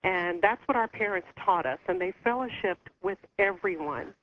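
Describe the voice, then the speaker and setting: A woman calling in to a radio talk show over the phone, speaking earnestly with a concerned, halting manner. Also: medium pitch, expressive. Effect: heard over the phone. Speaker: caller. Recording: muffled phone line with faint hiss.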